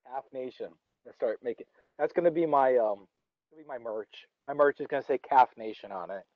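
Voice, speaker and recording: A man's voice: medium pitch, expressive, fairly quick, no echo, highs cut off. A young man vlogging while he eats outdoors, rambling casually with fillers and restarts. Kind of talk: casual talk while eating. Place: outdoors under a tree in a yard.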